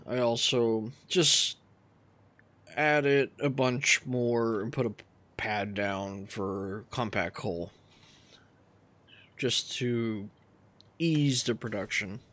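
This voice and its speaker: A man casually talking through his gameplay, relaxed and rambling as he thinks aloud. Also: mid-range voice, extremely slow, long pauses. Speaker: gaming channel host.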